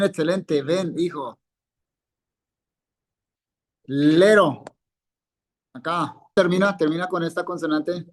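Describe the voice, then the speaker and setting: A male Hebrew teacher, giving a live classroom lesson and patiently quizzing students by name, repeating each word. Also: fairly high pitch. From Colombia.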